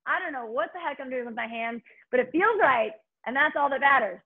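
A high-voiced woman coaches like an aerobics instructor, upbeat and urging. Her voice has a breathy edge. The recording is slightly dull and muffled. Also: animated, fairly quick. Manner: upbeat, encouraging, urging coach with short commands. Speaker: fitness instructor and host. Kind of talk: aerobics instructor leading a workout, calling counts and cues.

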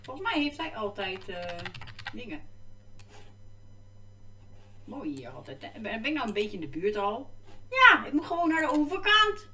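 In an echoey room, a desk mic off to the side catches a woman far away as she plays a computer game, chatting, exclaiming, and getting easily distracted. Her high-pitched voice is sing-song and sharp, at normal speed with long pauses.

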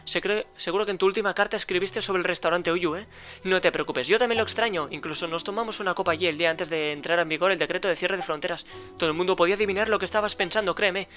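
A man with a Spain Spanish accent voicing a cocky, mocking male treasure thief in a game, with quick banter. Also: high-pitched, sharp tone, faint music behind. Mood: teasing.

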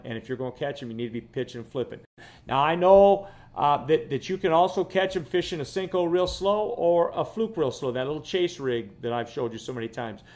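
A man in his fifties with a medium-pitched, darkish voice runs his fishing-guide vlog from his Florida living room. Recorded seated and close up on camera, he talks in a casual, rambling way, often saying words twice.

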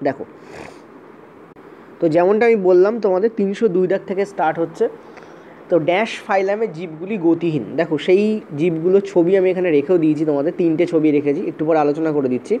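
Speaking quickly in a medium-pitched, dark-toned voice, a teacher runs through an exam-prep lecture. Points get repeated, "okay" comes up often as a check-in, and terms are spelled letter by letter, all on dull, slightly lo-fi audio with faint hiss.

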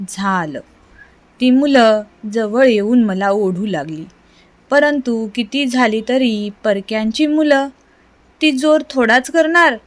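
Slow, measured woman reading a story. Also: fairly high pitch, no echo. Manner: measured, expressive narration. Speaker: reader.

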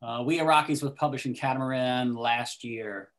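An older man speaks over a video call from a small room at home, thoughtful and measured and often restarting. His pitch sits in an ordinary middle range. He sounds like a poet and teacher discussing his work. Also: a bit bright. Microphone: video call webcam.

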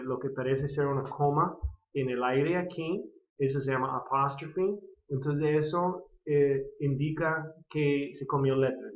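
An American man from California, a native English speaker, teaching an English grammar lesson in Spanish, patiently repeating model sentences. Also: mid-range voice. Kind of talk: slow bilingual grammar lesson. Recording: echoey, dull lo-fi sound.

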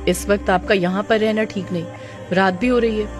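A woman voicing a sympathetic young man who calms and reassures a crying woman. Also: on the high side, fairly quick, lightly acted. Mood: concerned, soothing. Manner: soothing, reassuring. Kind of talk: audio drama narration. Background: background music.

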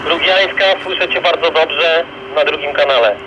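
A man's voice: on the high side, moderate pace, lo-fi sound. A man, an amateur radio operator, answering a radio check over a walkie-talkie in short, formal call-and-response phrases. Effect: heard over a walkie-talkie radio. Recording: noisy radio transmission from far off.

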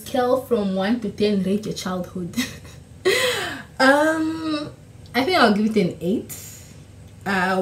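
Speaking a little low and slightly mellow, this young YouTuber from Namibia, a native Oshiwambo speaker, chats casually through viewer questions, often laughing and self-correcting. She is seated indoors in front of a camera in a small home room that sounds echoey, with a faint hiss in the background.

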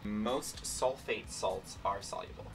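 A man's voice: lowish voice, slow pace, faint music behind, rough recording. A young man hosting a casual science game with playful, campy enthusiasm, recorded in a lab. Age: young adult. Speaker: game host. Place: small laboratory, indoors.

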